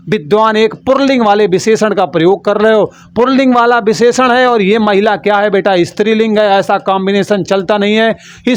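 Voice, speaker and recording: High-voiced Hindi teacher, dry close sound. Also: male voice, dry recording. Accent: Hindi, Uttar Pradesh. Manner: addresses students as beta, repeats key words as questions; demonstrates sounds, softly then with force. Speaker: Hindi teacher for exam prep. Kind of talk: online exam-prep lesson.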